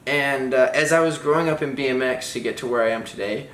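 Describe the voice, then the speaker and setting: A young man telling his side of a story in a casual couple's chat, relaxed and rambling, with lots of "like". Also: medium pitch, fast talker, slight background noise. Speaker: vlogger, BMX rider. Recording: echoey room.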